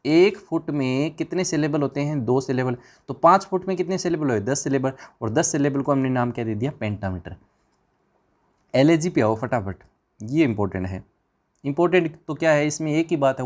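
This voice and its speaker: A man's voice: on the high side, darkish tone. A man teaching an exam revision class, firing questions at the students and answering them himself in a chatty, informal way.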